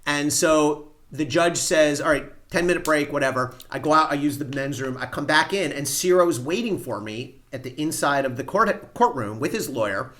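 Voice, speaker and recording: Bright-voiced man telling stories. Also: fairly high pitch, lively intonation, normal speed, few pauses. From United States. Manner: vivid storyteller, plain-spoken. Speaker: former federal prosecutor, guest. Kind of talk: storytelling in a podcast interview.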